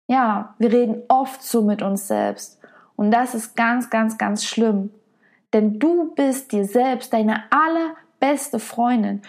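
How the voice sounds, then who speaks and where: A woman coach talks straight to the listener about being kind to herself, earnest and coaxing. She repeats key phrases to drive them home. Her voice sits high and carries a gravelly fry. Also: darkish tone. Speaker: women's self-love and nutrition coach. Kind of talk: motivational self-help monologue addressed to the listener.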